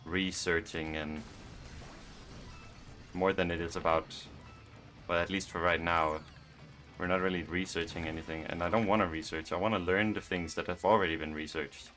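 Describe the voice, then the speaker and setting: Monotone deep-voiced young man rambling. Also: normal speed, long pauses, soft background music. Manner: monotone, rambling, musing aloud. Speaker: gaming vlogger. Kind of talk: casual gameplay commentary.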